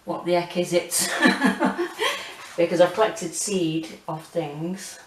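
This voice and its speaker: Monotone, slow-talking British woman. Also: on the low side, a little hiss or hum. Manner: monotone, hesitant, self-deprecating. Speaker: gardening vlogger. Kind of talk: casual rambling garden tour chat. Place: small home kitchen and windowsill, indoors.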